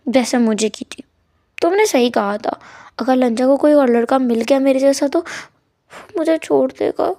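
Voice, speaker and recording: A woman's voice: fairly high pitch, dark tone. A woman voicing an innocent young man who is hurt and tearful, speaking in a pleading, emotional way.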